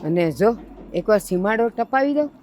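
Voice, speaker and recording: A woman's voice: medium pitch, expressive, moderate pace, slight background noise, lightly acted. A woman playing an elderly village mother in a short film, pleading. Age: older. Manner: pleading, urging others to speak quietly.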